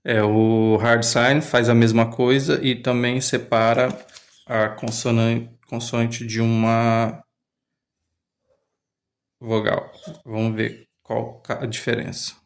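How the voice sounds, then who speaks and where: A man with a mid-range voice speaks slowly and in a level tone while commenting casually on a language lesson. As a language learner host, he thinks aloud, sounds hesitant, and often restarts.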